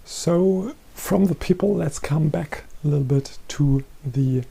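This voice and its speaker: Man, middle-aged, presentation lecture, explanatory, slightly higher voice, gravelly. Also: takes it slowly, dark tone, a little hiss or hum. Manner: explanatory, repeats himself. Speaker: chair holder presenting research. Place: green-screen studio.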